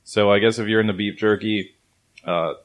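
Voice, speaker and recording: A man's voice: fairly low pitch, fairly even intonation, normal speed. A man hosting a casual snack review, rambling and laughing between swears. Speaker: host.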